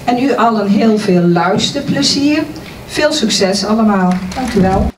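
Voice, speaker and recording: A woman presenting a reading contest, with a brisk, friendly public-speaking manner. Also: medium pitch. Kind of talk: formal welcome and short questions. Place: event hall with audience. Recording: roomy hall, distant mic, steady noise.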